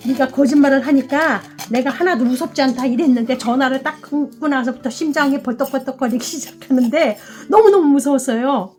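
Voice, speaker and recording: A middle-aged woman hosting a plant channel, chatting calmly while repotting succulents and acting out a phone call in a story. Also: sits high. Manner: calm, chatty, acts out phone dialogue.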